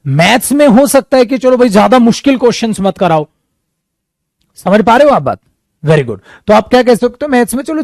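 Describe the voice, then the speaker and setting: A man teaches an English coaching class for competitive exams, addressing students as "beta" and "mere dost" and acting out their doubts in a lively way. His voice is high, and the clean studio sound has no echo.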